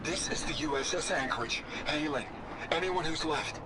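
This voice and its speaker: Old distress recording: an embattled naval officer, high and urgent, thick static throughout. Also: male voice, normal speed. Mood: grim. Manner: urgent, shouting over combat. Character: embattled male naval officer calling for help. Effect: old recorded ship distress transmission. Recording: loud static-drenched recording.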